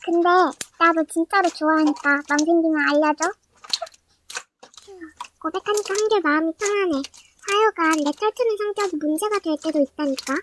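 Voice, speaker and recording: A woman's voice: very high voice, normal speed, fairly bright tone, a little hiss or hum. A female speaker in a comic skit, talking in a playful, exaggerated way, her voice sped up. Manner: playful, exaggerated tongue-twister delivery. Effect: sped up to 130 percent. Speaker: storyteller voicing her own slime skit. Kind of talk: fast comic skit narration.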